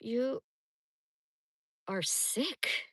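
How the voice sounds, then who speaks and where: A woman's voice: a little high, animated, extremely slow, fairly bright tone, dry recording. A woman from the Bay Area telling rambling personal stories on a casual livestream, blunt and profane. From San Francisco Bay Area. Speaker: livestream host.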